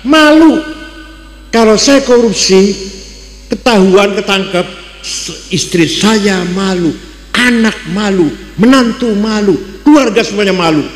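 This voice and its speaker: Older javanese cleric, highish voice, big echoey hall, lots of rhetorical questions. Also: male voice, measured pace. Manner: rhetorical, asks the audience questions, swings between loud exclamations and dry jokes. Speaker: Islamic cleric giving a talk. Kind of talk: religious lecture to a congregation. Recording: echoey hall with long reverb.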